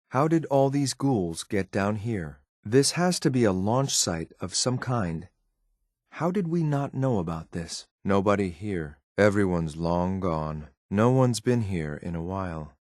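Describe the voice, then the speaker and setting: This video game companion, a synth enforcer, has a low, dark-toned male voice recorded close and dry. His lines come in clipped, controlled, matter-of-fact phrases, coolly watchful and faintly condescending toward his surroundings.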